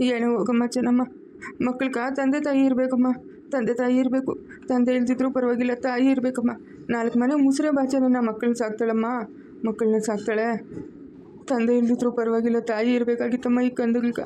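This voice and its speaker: A woman's voice: fairly high pitch, little pitch movement, fairly quick, mellow, slight background noise, lightly acted. A woman voicing an old grandfather in a family cartoon, lamenting and pleading. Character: old grandfather, grieving and stubborn.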